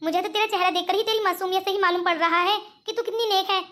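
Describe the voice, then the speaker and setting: Old cartoon granny, done by a woman, rich and scheming, coaxing tone, very high bright voice. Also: steady tone, fast talker. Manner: coaxing, calls others 'beta'. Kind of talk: cartoon voice acting.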